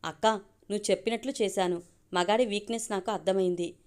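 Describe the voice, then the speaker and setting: A woman's voice: medium pitch, fairly even intonation, brisk, a little mellow, clean tone, close to an everyday voice. A woman voicing a naive young woman who confides in her older sister, read in her own everyday voice. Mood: confiding.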